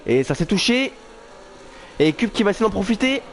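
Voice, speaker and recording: Man, motorsport commentator, informal live race calls, exclamatory, slightly high pitch, background noise. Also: very animated, a little fast. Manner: reactive, exclamatory, thinking aloud. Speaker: motorsport commentator for an online sim racing league.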